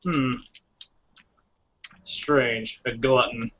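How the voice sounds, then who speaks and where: A man's voice: mid-range voice, fairly even intonation, extremely slow, fairly bright tone, slight background noise. A man playing a tabletop game, musing and drawling in character. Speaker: player. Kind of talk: casual tabletop game play. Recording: dull lo-fi recording.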